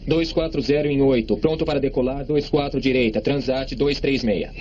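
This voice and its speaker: An airline pilot on the cockpit radio. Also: male voice, medium pitch, normal speed. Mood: routine. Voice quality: clipped, procedural radio talk. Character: calm professional male airline pilot. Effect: cockpit radio call over a headset. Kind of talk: dubbed documentary reenactment. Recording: dull lo-fi sound with steady noise.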